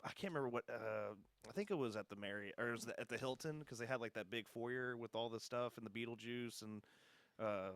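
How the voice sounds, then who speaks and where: A mid-pitched man chats casually on a podcast, often stopping to restart his sentences. He laughs along readily. The recording is close and dry. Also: a bit bright, dry recording. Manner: halting, many fillers and restarts, laughs along. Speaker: podcast co-host. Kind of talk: casual chat.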